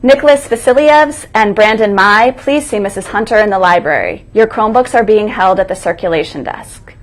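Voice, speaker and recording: A woman's voice: mid-range voice, a little fast. A woman co-hosting a school morning broadcast, reading scripted announcements aloud.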